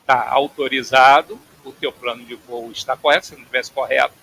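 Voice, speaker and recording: A man's voice: medium pitch, fairly even intonation, brisk, vocal fry, fairly bright tone, low-quality recording. A man teaching an online aviation phraseology class, explaining patiently and checking in with his students. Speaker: flight phraseology instructor.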